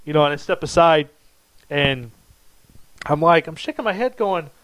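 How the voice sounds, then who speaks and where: A man's voice: on the high side, expressive, normal speed, fairly bright tone, dry recording, low-quality recording. A middle-aged man, co-hosting a casual chat and telling a long rambling story with many restarts. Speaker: podcast co-host.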